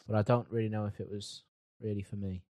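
A man's voice: on the low side, flat delivery, fast, darkish tone, no echo. A man co-hosting a music podcast, hesitant and rambling, with dry quips. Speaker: podcast co-host reviewing music. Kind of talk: casual chat.

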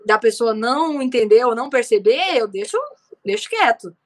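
A young woman chatting casually as a guest, animated and acting out quoted dialogue. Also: fairly high pitch, normal speed. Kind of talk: casual chat.

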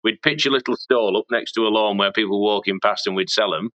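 Bright-toned farmer, a bit lo-fi. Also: male voice, fairly low pitch, steady tone, fast. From Barnsley, England. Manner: chatty, repeats words when starting. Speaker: farmer and business owner. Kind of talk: casual interview chat. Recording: dull lo-fi sound.

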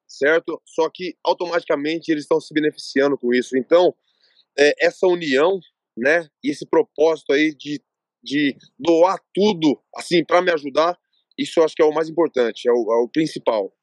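A man from Brazil chats as a podcast guest, his voice sitting a little high for a man. He rambles through stories and voices the back-and-forth of each exchange. The recording is dry and close, with no room sound. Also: no echo. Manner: rambling storytelling, acts out quoted dialogue. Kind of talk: casual interview chat.

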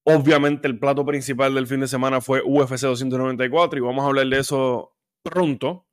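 A man's voice: medium pitch, fairly even intonation, fairly quick. Guy doing his sports podcast, chatty, gets fired up ranting, lots of ehs. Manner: conversational, heated rants with fillers. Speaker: podcast host.

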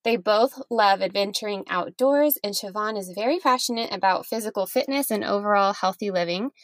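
A woman's voice: medium pitch, a little fast, no echo. Woman podcast host, chatty, laughs often, dry close sound. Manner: friendly, laughing, chatty with restarts. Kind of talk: casual interview chat.

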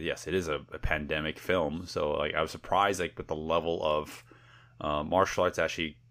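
A man co-hosting a podcast, chatting casually about a movie in a relaxed, rambling way with plenty of fillers. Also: low-pitched. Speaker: podcast co-host. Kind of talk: casual film review chat.

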